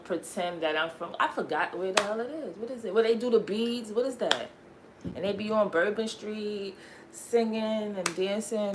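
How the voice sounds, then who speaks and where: A woman's voice: medium pitch, a bit bright, slight background noise. Young woman rambling slangily on a livestream. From raised in Connecticut. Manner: rambling, slangy, laughs often. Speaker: livestream host. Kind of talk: casual livestream chat.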